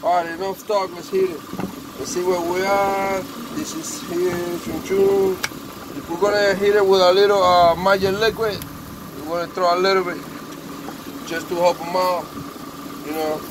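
This man's voice is high and flat, at an ordinary pace, with the accent of a native Spanish speaker. An eBay parts seller, he's casually filming a busted chainsaw for his store's customers on a nearby phone camera in a cluttered indoor workshop, speaking to the machine like a pet. The phone recording picks up distinct engine and machine noise.

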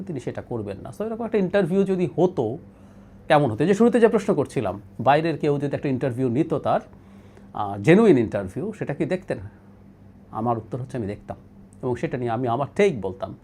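A man's voice: a little high, a little mellow. A middle-aged man hosting a solo political talk show, making his case with rhetorical questions. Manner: argumentative, poses rhetorical questions.

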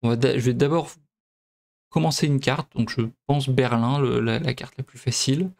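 A man's voice: medium pitch, steady tone, moderate pace, vocal fry, darkish tone. Hesitant man narrating gameplay. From France. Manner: hesitant, many fillers and restarts. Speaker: gameplay video host. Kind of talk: casual let's play commentary.

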